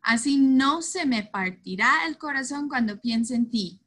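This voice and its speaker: Woman voicing a gentle fretful old uncle. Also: sits high, expressive, measured pace, exaggerated voice.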